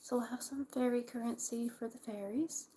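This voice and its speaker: A young woman chatting casually in a hushed, breathy library whisper while live crafting. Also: fairly high pitch, fairly even intonation, normal speed. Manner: hushed library whisper, keeping quiet for sleepers. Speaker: craft livestreamer. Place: at home late at night, crafting. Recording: faint background noise.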